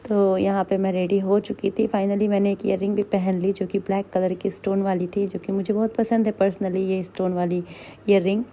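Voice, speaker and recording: A young woman vlogger, slightly hoarse, chatting in a tired, rambling way as she narrates her day. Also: mid-range voice, flat delivery, normal speed, mellow, a little hiss or hum. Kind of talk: casual voice-over narration.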